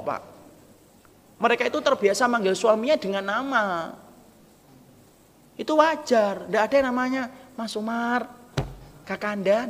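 A man preaching a humorous sermon, acting out little dialogues as he jokes with the crowd. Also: very high voice. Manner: lively, joking, acts out quoted dialogue. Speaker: Islamic preacher. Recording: gravelly voice with long hall reverb, faint background noise.

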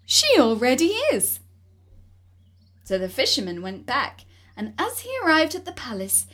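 A woman narrating a fairy tale in an expressive reading voice. Her pitch is high and swings widely. She takes her time over each phrase. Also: slightly rough. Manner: slow, expressive storytelling. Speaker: storyteller.

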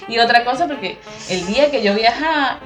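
A woman's voice: on the high side, a little fast, over music. A Venezuelan woman being interviewed, telling a personal story with feeling and acting out the voices of her family. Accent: Venezuelan Spanish. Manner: animated, acts out quoted voices.

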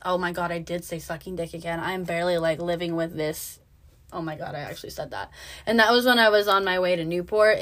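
A woman's voice: fairly low pitch, fairly bright tone. Brash, profane young woman. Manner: brash, profane and self-assured, with lots of fillers. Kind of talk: casual monologue.

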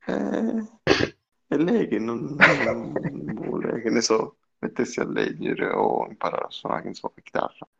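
A young man talks casually with a Neapolitan accent. His voice is mid-pitched and quite creaky. The sound is dull and lo-fi, like an online call. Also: sing-song, a little slow. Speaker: podcast co-host. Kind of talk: casual chat. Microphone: headset.

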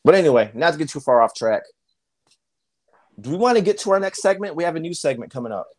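Talking fast in a slightly high, sing-song voice, this podcast co-host keeps things casual. He speaks loosely, with plenty of fillers and false starts.

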